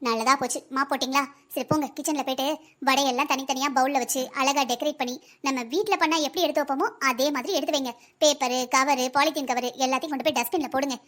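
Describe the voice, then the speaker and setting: A woman's voice: high voice, steady tone, fast, fairly bright tone. A woman voicing a fussy older wife and grandmother in a family cartoon, pleading and ordering her husband around in a South Tamil Nadu accent. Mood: bossy. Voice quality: pleading, busy, bossy. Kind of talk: cartoon family comedy acting.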